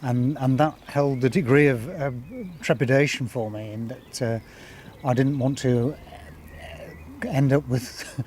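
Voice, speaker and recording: A man in his forties reflecting casually in an interview outdoors, speaking in a measured, halting way. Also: medium pitch, warm tone, slight background noise. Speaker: auction participant. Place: outdoors in a garden.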